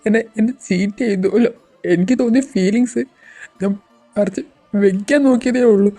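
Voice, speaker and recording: A woman's voice: medium pitch, fairly quick, warm tone, soft background music, close to an everyday voice. A woman voicing a hurt, betrayed young man who speaks bitterly and accusingly in an amateur audio drama.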